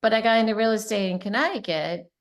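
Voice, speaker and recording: A woman's voice: medium pitch, fast. Middle-aged woman hosting a chat, upbeat, laughs a lot, acts out quotes. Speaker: host, real estate agent. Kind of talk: casual chat.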